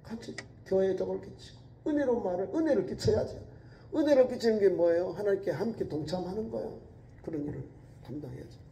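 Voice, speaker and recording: A man preaching a sermon with a high voice that stays deep-toned and mellow. He presses his points through repeated calls to act. He swings from raised, urgent lines to low, quiet asides. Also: fast, creaky, slight background noise. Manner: emphatic preaching with repeated exhortations. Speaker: pastor. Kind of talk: sermon at a midweek prayer service.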